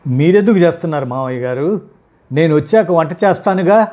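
A man's voice: fairly high pitch, brisk, voice pushed up, close to an everyday voice. A man voicing a furious, proud young wife. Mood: firm. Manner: shouting, indignant, heated. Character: angry young working wife, proud, sharp-tongued.

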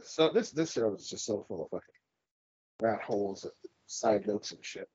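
A congested California man co-hosts a podcast, rambling profanely and laughing often in casual conversation. His fairly low voice is very animated at a normal speed, creaky and darkish with a breathy edge, in dry, dull audio.

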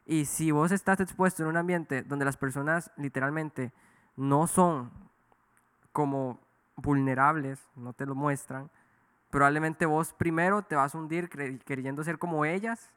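A man's voice: a little high, unhurried, fairly bright tone, smooth. A man speaking thoughtfully and colloquially in a casual faith conversation.

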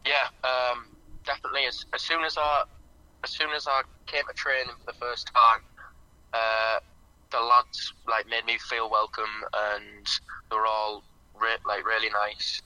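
A young man, a footballer calling in to a podcast, heard over a phone on speaker, answering in a halting, modest way with lots of "um" and "like". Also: mid-range voice, completely flat delivery, sharp tone, no room sound, low-quality recording. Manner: halting and modest, filling gaps with "um" and "like". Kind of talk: casual phone-in interview.

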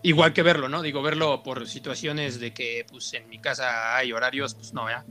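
A young man with a Mexican accent chatting casually and reminiscing with a friend in a slangy, animated storytelling manner. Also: mid-range voice, moderate pace, faint music behind.

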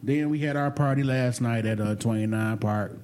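Mellow-voiced man telling a casual story. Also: medium pitch, moderate pace. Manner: animated, profane storytelling. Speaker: podcast co-host telling a vacation story. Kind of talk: casual chat.

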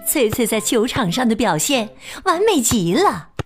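A woman narrating a children's story in an expressive, playful way. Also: on the high side, moderate pace, faint music behind.

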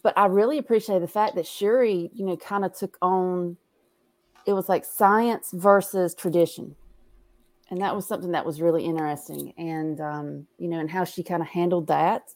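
A woman's voice: on the low side, fairly even intonation, normal speed, a little mellow. A woman co-hosting a casual podcast, rambling with lots of "you know" and "um". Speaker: podcast co-host.

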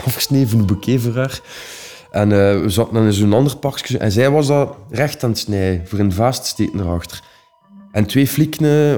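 A man's voice: medium pitch, mellow. A young Flemish man telling his own stories casually, rambling in a streetwise way with many fillers. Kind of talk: casual personal storytelling.

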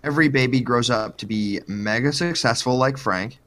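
A man's voice: medium pitch, normal speed, fairly bright tone. A man co-hosting a podcast, telling a true-crime story in a joking, profane, casual way. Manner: joking, profane, lots of fillers.

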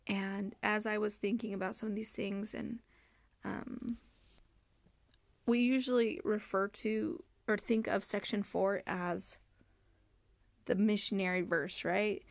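Female podcast host, sincere and conversational, slight vocal fry, dry recording. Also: mid-range voice, fairly even intonation, slow, long pauses, no room sound. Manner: earnest, heartfelt, conversational with many fillers. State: tearful, choked up. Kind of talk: devotional podcast talk to mothers.

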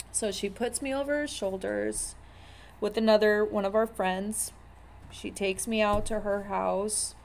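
A woman's voice: mid-range voice, a little hiss or hum. A woman in her thirties telling her own story candidly, in a blunt, profane way with many fillers.

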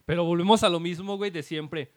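A Mexican man with a high voice trades crude jokes and teasing in a relaxed podcast chat. His voice sits dry and close, with no room sound around it. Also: fast, no echo. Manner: joking, profane teasing banter. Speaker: podcast co-host. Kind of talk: casual chat.

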